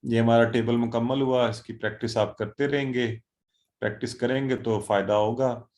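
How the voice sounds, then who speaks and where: A man teaching an online Quran and Arabic class over a video call, encouraging and drilling students by slowly repeating Arabic words. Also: medium pitch, steady tone, darkish tone.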